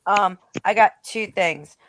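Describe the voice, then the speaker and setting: A woman's voice: medium pitch, slow pace, a bit bright, a little hiss or hum, poor audio. A blunt woman who swears freely, talking casually in a live discussion. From Rhode Island, now Western New York.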